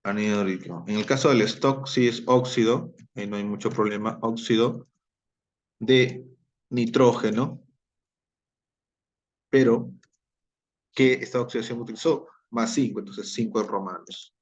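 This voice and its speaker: A man's voice: mid-range voice, a little slow, long pauses, dull audio. A man teaching a chemistry lesson, explaining step by step, repeating key terms and checking in with his students.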